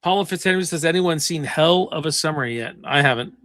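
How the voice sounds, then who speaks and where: A man's voice: on the high side, brisk, a bit bright, no echo. A man hosting a casual livestream chat, reading viewers' comments aloud with lots of fillers. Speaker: livestream host.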